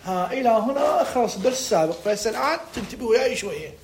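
A man's voice: very high voice, expressive, racing, heavy background noise. A man with an Iraqi Arabic accent teaching a recorded lesson, stretching out key words, repeating them, and posing students' questions to himself before he answers. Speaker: religious school teacher of Arabic morphology. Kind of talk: recorded lesson, live-streamed.

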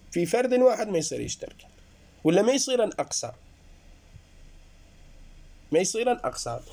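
Mellow-voiced man teaching. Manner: explanatory, addresses students as brothers, rises and drops in pitch. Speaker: seminary teacher. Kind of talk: jurisprudence lecture.

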